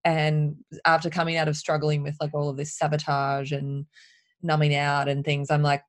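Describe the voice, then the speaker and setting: A woman's voice: low voice, normal speed, no room sound. Candid woman talking openly, dry sound. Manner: open, emotional, animated storytelling. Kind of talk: candid casual conversation.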